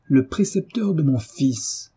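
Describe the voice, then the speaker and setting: A man's voice: medium pitch, expressive, moderate pace, breathy edge. A man voicing a brutish, hot-tempered middle-aged landowner who blusters and curses, in an audiobook. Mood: furious. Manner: blustering, cursing, shouting. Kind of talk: audiobook character reading.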